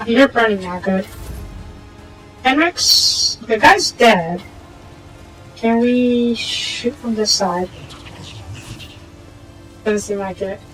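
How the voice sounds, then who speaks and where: A woman's voice: fairly high pitch, animated, extremely slow, long pauses, a bit bright, faint music behind, low-quality recording. Woman thinking aloud over a game. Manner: chatty, thinking aloud, stumbling over read-out text. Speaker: game streamer. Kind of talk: casual gameplay commentary and reading game text aloud.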